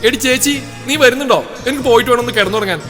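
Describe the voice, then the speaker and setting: A feisty young village woman with a shrill, squealing voice, put on by a male storyteller, full of taunts and stubborn bickering. Her voice jumps far above the teller's own, loud and sharp, with a long reverb and soft music behind it in this storybook reading. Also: very fast. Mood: taunting.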